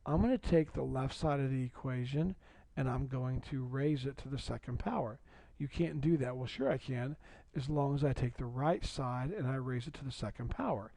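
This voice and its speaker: Male math teacher for a video lesson, dark mellow tone, dry close recording, patient and repetitive. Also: mid-range voice, normal speed, gravelly, no echo. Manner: patient, repeats key points, checks in with "okay?".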